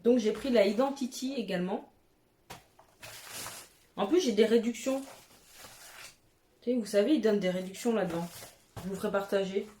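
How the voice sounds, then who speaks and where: A woman vlogger at home talks through her haul in a loose, gushing way, with frequent exclamations and offhand swearing. Her voice sits at an ordinary middle pitch. The room is echoey and has a faint background hiss. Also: moderate pace, long pauses, warm tone. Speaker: beauty vlogger. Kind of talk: casual haul chat. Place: at home, with her cat nearby.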